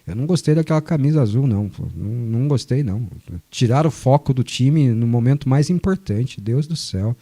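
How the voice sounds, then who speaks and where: A man's voice: mid-range voice, expressive, fairly quick, few pauses, warm tone. Chatty man hosting radio. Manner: chatty, joking, long explanations. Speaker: radio sports show host. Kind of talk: casual radio talk, reading listener messages. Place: radio studio.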